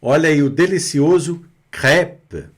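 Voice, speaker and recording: A man teaching French pronunciation, patiently repeating each word and asking the listener to repeat it. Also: on the high side. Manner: patient, repeats words slowly and asks for repetition. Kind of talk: pronunciation lesson.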